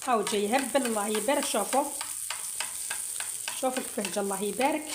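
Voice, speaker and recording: A middle-aged Algerian woman talks her viewers through a recipe in a casual, chatty way, looping back over the same phrases as she works. Her voice sits a little high, and it echoes around a roomy home kitchen. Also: quick pace, noisy background. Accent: Algerian Arabic. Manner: chatty, repeats phrases, keeps addressing the viewers as "girls". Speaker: cooking channel host. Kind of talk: casual cooking tutorial. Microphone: phone camera, filming herself. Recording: roomy echo.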